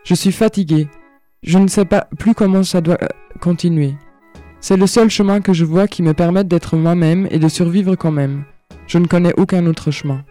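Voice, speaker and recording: A man's voice: sits high, normal speed, mellow, faint music behind, close to an everyday voice. A man reading as a weary, worn-down narrator.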